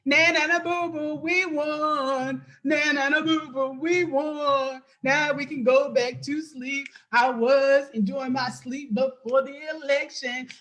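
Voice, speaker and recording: A smug, childish voter gloats in a sing-song taunt, as a woman puts the voice on. The tone is high and teasing, drawn out and bratty. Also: fairly even intonation, slow pace, few pauses, fairly bright tone.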